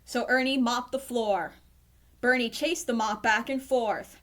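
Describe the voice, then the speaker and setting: A woman reading a children's storybook aloud in a slow, clear storytelling manner. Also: on the high side, fairly bright tone. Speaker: storybook reader.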